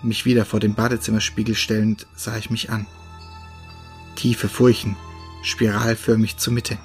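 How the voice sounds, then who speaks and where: A man reads a first-person horror story in a measured, ominous voice pitched slightly low. Faint music plays beneath his steady narration.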